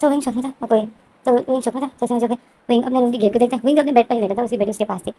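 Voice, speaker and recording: A woman casually retelling a fan-fiction story, with rapid, repetitive narration and many fillers. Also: a little high, dark tone.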